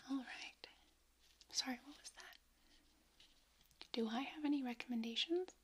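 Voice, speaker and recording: A woman speaking in a hushed library whisper, doing a whispered role-play as a friendly, chatty librarian. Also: high voice, unhurried. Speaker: ASMR performer playing a librarian. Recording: clear background noise, handling clicks.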